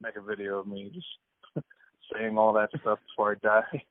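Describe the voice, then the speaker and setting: A man's voice: fairly low pitch, moderate pace, dry recording. A playful young man from Hawaii, a comedic content creator chatting as a guest in a casual phone interview, laughing often. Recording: dry tinny phone line.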